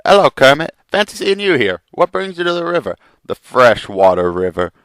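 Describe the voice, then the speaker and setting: A man playing a calm, helpful river fisherman giving advice in an amateur comic drama. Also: a little high, normal speed, no room sound, clean studio sound. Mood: friendly.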